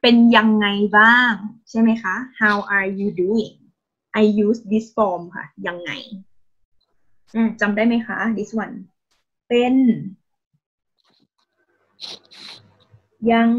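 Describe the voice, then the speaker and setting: A woman's voice: mid-range voice, fairly bright tone, highs cut off. A woman with a Thai accent teaching a language class over a video call, patient and encouraging with constant praise and polite particles. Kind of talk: online Thai lesson, mixing Thai and English.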